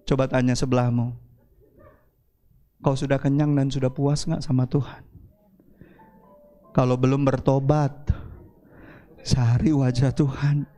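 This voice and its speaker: A man preaching a church sermon as pastor, with dramatic swings of pitch and loudness. Faint music plays behind him. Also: level tone, measured pace, pauses often.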